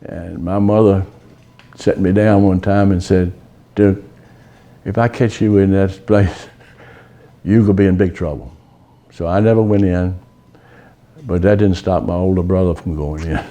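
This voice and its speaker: Man, 80s, from Virginia, deep voice, warm tone, folksy storyteller, unhurried. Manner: unhurried, folksy, many pauses and fillers. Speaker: local resident sharing memories. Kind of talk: casual reminiscing. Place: outdoors on a town street.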